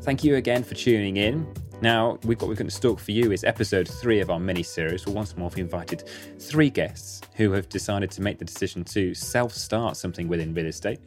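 A man's voice: on the low side, brisk, faint music behind. A man hosting a podcast, opening the episode in a rambling way with repeated words. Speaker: podcast host. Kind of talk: podcast host intro.

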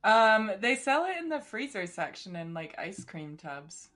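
A woman co-hosting a podcast, chatting casually in a teasing, expressive way. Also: medium pitch, measured pace. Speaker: podcast co-host.

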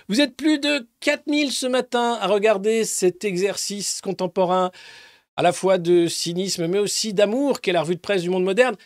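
High-voiced sarcastic male press host. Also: dry recording, studio quality. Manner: mocking, swears freely, swings between loud and muttered asides. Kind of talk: casual sarcastic press commentary.

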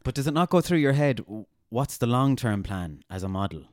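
A man's voice: mid-range voice, animated, brisk, a little mellow, no echo. A man interviews in an informal, conversational style with a mid-range voice. His questions are probing and casually phrased. The recording is dry, with very little room sound.

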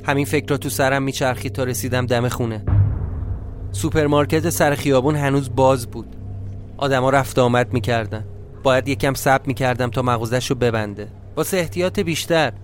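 Male storyteller, brooding tense first-person narration over faint music. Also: medium pitch. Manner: brooding, tense inner monologue.

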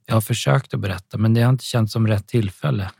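A man voicing a worried, apologetic teenage girl in an audiobook, in his own low voice. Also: creaky, darkish tone, slightly rough, no echo, studio quality. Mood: anxious.

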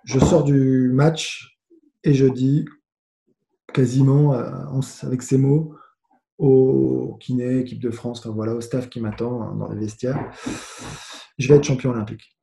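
A man with a very dark, mellow voice tells his story in a relaxed, animated way, full of restarts and swearing. The room around him is echoey, the sound of a remote call. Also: medium pitch, a little slow, creaky. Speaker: guest, former tennis player. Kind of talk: casual storytelling. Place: home with noise nearby. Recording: roomy echo.

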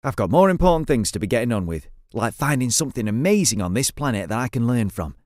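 A man's voice: mid-range voice, big pitch swings, quick pace, a little mellow, no room sound, studio quality, lightly acted. A man voicing an earnest, curious adult space captain who talks in a raised, eager voice.

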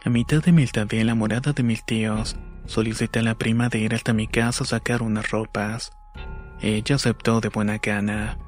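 A man giving a slow, measured scripted narration of a horror story. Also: mid-range voice.

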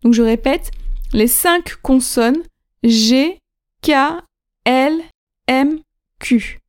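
Slow, high-voiced woman teaching. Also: a little mellow. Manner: repeats points, checks in with "ok?". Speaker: podcast host and French teacher. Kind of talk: slow, clear teaching talk.

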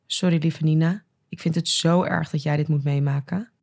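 A woman's voice: low-pitched, fairly even intonation, normal speed, gravelly, a little mellow. A woman voicing a grieving middle-aged aunt who comforts her niece in a storybook reading. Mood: comforting.

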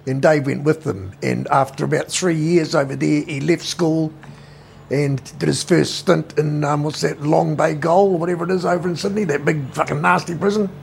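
A heavily gravelly, rough-edged man's voice sitting a touch high for a man. He speaks with a New Zealand accent and looks to be in his fifties. He tells rambling family anecdotes bluntly, with swearing all through. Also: fairly even intonation, normal speed, slight background noise. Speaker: interviewee, brother. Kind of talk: casual storytelling interview.

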